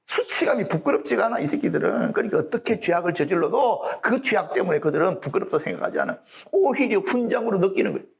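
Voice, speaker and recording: A man's voice: high voice, expressive, fast talker, vocal fry, hardly any pauses. A male pastor preaching a sermon in a blunt, colloquial way and often asking the audience for agreement.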